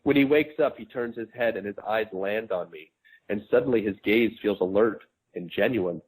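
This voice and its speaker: A man in his forties with a low voice reads his memoir aloud. He takes it slowly and quietly, in a reflective tone that sits close to plain speech. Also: husky, poor audio. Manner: measured, quiet, reflective reading. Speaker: author.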